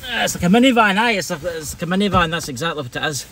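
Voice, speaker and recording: A middle-aged Scottish man hosts a casual vlog livestream from a parked car, bantering and teasing jokily with a friend. His voice sits high and is expressive, very fast, bright, and forceful. There's noticeable background noise inside the car.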